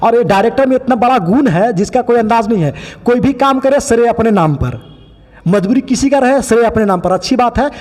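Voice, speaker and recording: A man's voice: extremely high pitch, lively intonation, brisk, darkish tone, long reverb tail. A man teaching biology, pointing out other teachers' mistakes in a critical, explaining way. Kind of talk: online lesson commentary.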